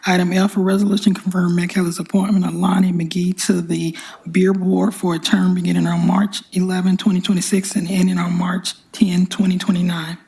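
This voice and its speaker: Flat, gravelly-voiced woman reading agenda items. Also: on the low side, fairly quick, few pauses, low-quality recording. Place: city council chamber.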